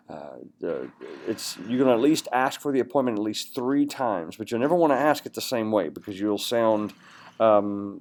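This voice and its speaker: A man's voice: fairly low pitch, a little mellow. A man giving a sales training presentation in a conversational way, with many fillers and restarts, now and then acting out upbeat phone greetings.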